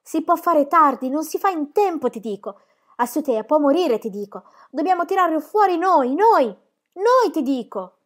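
A woman's voice: fairly high pitch, expressive, brisk, darkish tone, natural voice. A woman reading an audiobook, voicing a desperate young male shepherd who pleads frantically and repeats himself. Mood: frantic.

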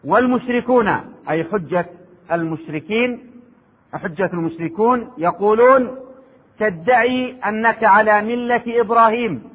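A man giving a formal religious lecture on Quranic sciences, speaking in measured classical Arabic and reciting verses. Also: high-pitched, husky. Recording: phone-like narrow sound with long hall reverb.

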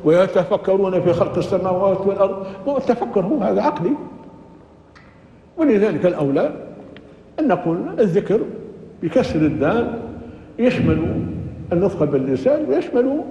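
A man teaching Quran exegesis, explaining terms slowly and carefully with everyday examples. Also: high-pitched, animated, mellow. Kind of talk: religious lecture. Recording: echoey hall, dull lo-fi sound.

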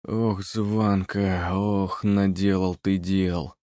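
A man voicing a weak young apothecary who speaks softly and hoarsely. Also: low voice, unhurried, no room sound, clean studio sound. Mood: weary. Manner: soft and hoarse.

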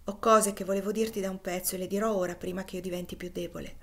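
A woman voicing a frail, gentle, fevered young girl in an audiobook reading, soft and earnest. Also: mid-range voice, moderate pace, close to an everyday voice.

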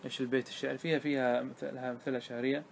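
A man teaching a grammar class to students, often asking them whether it is clear and repeating key words. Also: medium pitch, level tone, rapid-fire, a little hiss or hum. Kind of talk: classroom lesson.

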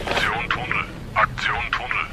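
A man's voice: fairly low pitch, level tone, normal speed. An actor playing an adult male criminal who speaks over a walkie-talkie radio in clipped call-sign phrases. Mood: curt. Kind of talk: radio play acting. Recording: loud noisy walkie-talkie transmission.

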